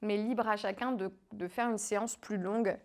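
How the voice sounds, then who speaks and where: A woman with a French accent coaching a home core workout, calmly cueing breath and movement and now and then stumbling over a word. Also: medium pitch, moderate pace. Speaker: fitness coach. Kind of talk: guided home workout instruction. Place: home living room.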